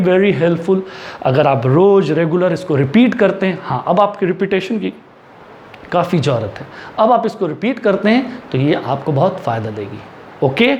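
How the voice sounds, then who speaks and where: A man with an Indian English accent leads an English lesson, voice sitting high for a man. He spells out each rule slowly and carefully, then races through his explanations and drills the example words again and again. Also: a little mellow. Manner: reads English rules slowly and deliberately, then explains quickly in Hindi; repeats and drills words for learners. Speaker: English teacher. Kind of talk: classroom lesson mixing Hindi and English.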